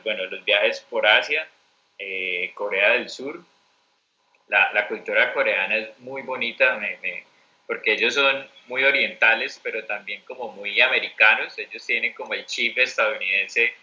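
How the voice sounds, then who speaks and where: Bright, low-voiced Colombian man. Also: low-quality recording. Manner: rambling, many fillers and restarts. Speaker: interview guest, mentor teacher. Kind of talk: conversational interview storytelling.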